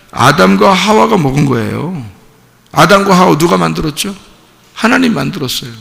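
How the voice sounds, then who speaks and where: Male pastor at a dawn service, very gravelly voice, keeps repeating himself and asking the room questions, long church echo. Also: medium pitch, pushed and bright. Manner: conversational preaching full of repetitions and rhetorical questions. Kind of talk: early-morning sermon. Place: church sanctuary.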